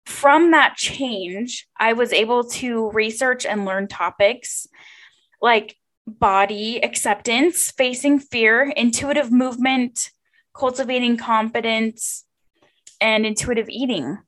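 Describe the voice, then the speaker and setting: A woman's voice: a little high, slow, fairly bright tone, low-quality recording. A young woman hosting a podcast, talking alone in a chatty, informal and confiding way about personal things. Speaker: podcast host.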